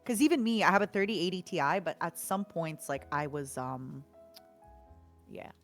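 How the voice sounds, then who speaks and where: A woman's voice: sits low, normal speed, soft background music. A young woman guest on a livestream, chatting casually, giggling and rambling through stories. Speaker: guest streamer.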